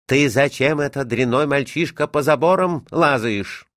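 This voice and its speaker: A man voicing a fussy, scolding middle-aged lady at her summer house, with a shrill, exclaiming manner. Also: huge pitch swings, a little slow, no room sound, studio quality.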